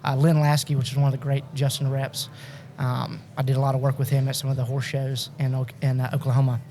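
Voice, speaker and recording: Quick-talking man in casual chat. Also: mid-range voice, little pitch movement, mellow. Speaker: sales rep, podcast guest. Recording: faint room noise.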